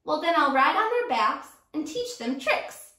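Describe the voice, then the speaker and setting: A little boy, quietly brave, counters every threat with a fanciful plan, voiced by a woman reading aloud. The tone is high and bright, and the room echoes. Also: a little slow, exaggerated voice. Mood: playful. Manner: calm, imaginative comebacks.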